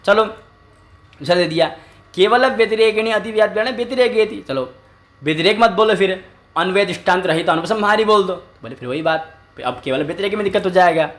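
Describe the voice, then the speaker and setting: A man with a somewhat high voice gives a lecture on an old Sanskrit text. He keeps putting questions to his listeners and answering them himself. He repeats key terms and often checks that everyone is following. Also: fairly quick, fairly bright tone. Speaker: Sanskrit teacher explaining a logic text. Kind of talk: classroom lecture.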